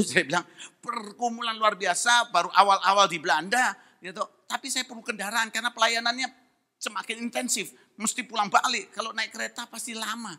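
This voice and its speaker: A man preaching a church sermon, telling a personal story with lively acted-out dialogue. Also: high voice. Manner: lively storytelling, acting out voices. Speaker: pastor. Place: church hall.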